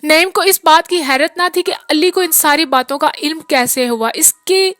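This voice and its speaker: A woman narrating a novel as an audiobook in a measured literary reading. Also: high-pitched, a bit bright, no room sound.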